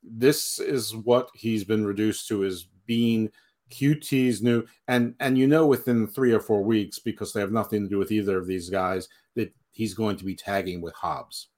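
A man co-hosting a wrestling podcast over an online call, tossing in quick crude wisecracks. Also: fairly low pitch, fairly even intonation, a little mellow. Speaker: podcast co-host. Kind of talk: casual chat.

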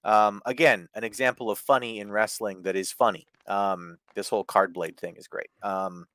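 A man's voice: lowish voice, level tone, moderate pace, fairly bright tone, no room sound. A man hosting a casual wrestling review podcast, blunt and opinionated, swearing freely. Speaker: podcast host.

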